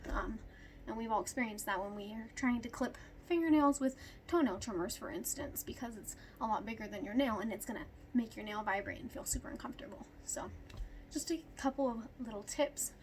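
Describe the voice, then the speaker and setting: Young woman, out of breath, chatty how-to talk, lots of ums, slightly high voice, faint room noise. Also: a little fast. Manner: chatty, lots of ums, talks to her dogs. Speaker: dog groomer demonstrating nail care. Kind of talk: casual how-to explanation. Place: at home with dogs.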